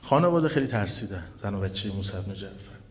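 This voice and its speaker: A man's voice: lowish voice, expressive. A man preaching a sermon, telling a mournful story with heartfelt feeling and speaking straight to his listeners. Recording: long hall reverb, faint background noise.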